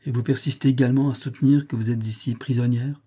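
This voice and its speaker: A man's voice: mid-range voice, steady tone, fast, warm tone, breathy edge, lightly acted. A man reading as a menacing fallen priest. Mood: threatening. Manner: cold, threatening, then pleading. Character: jealous, menacing fallen priest, male, adult. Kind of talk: audiobook character reading.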